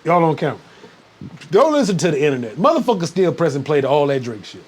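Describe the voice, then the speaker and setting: A man's voice: a little high, very animated, fast talker. A man co-hosting a podcast, telling a story loosely and casually, with lots of "yeah" and profanity. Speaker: podcast co-host. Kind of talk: casual chat.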